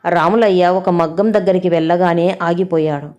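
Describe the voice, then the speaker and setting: A woman narrating a village story in a steady, plain way, with a Telangana Telugu accent. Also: fairly low pitch, normal speed, lo-fi sound.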